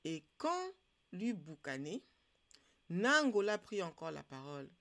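A podcast storyteller narrating a traditional fable in a slow, deliberate way, opening with a call-and-response chant. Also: mid-range voice, very animated, bright, forceful tone. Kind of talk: scripted folk tale narration.

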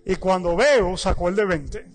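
A man, a pastor preaching a sermon and telling a story with lively acted-out dialogue. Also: high-pitched, unhurried. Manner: animated storytelling, acting out dialogue.

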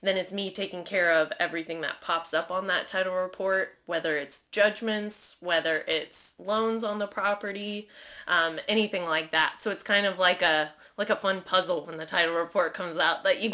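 A woman's voice: lowish voice, moderate pace, a bit bright. A woman guest from a title company, explaining her work step by step in a friendly, casual way.

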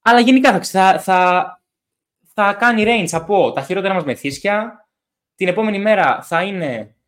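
Animated young man hosting a podcast. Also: sits high. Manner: animated, swears, acts out drunk stories. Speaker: podcast host. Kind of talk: casual podcast chat.

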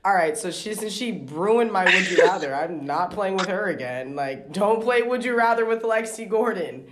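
A woman's voice: medium pitch, moderate pace, hardly any pauses, very noisy. A woman hosting her podcast in casual chat, rambling with lots of fillers and giggles. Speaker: podcast host. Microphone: remote call.

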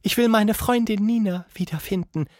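A storyteller voicing a giant female ape who is gruff, then scatterbrained and stammering, in a children's audiobook. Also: mid-range voice, normal speed, darkish tone, dry recording, clean studio sound, voice pushed up, close to an everyday voice. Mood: flustered. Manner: flustered and stammering. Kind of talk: storybook reading.

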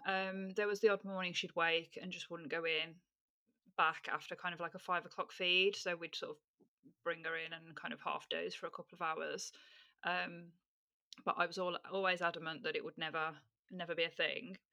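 A woman co-hosting a casual chat, speaking in a measured, reflective way with many ums. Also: lowish voice, little pitch movement, pushed and bright. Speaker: podcast co-host.

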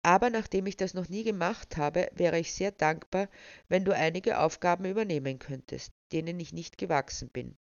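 A woman voicing a calm young man who speaks coolly and curtly, in a dull, dry recording. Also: fairly low pitch, moderate pace, no echo, close to an everyday voice. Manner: cool and curt.

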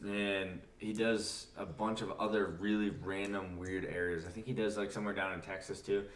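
A man's voice: fairly low pitch, flat delivery, moderate pace, roomy sound, far from the mic. A man hosting a podcast in a casual, rambling way with many fillers. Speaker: podcast host. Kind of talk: casual chat.

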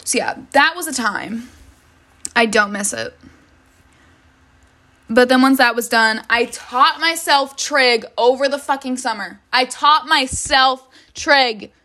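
Teen girl ranting bout math, bright voice, a bit high, swears a ton, like like like. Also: a little slow, long pauses. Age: teens. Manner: exasperated, swears a lot, many likes. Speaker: high school student. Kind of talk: casual venting vlog.

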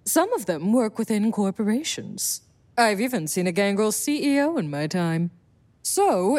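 A woman's voice: mid-range voice, a little mellow. A woman voicing a confident, protective female vampire sire with a wry, self-assured manner in an audio drama.

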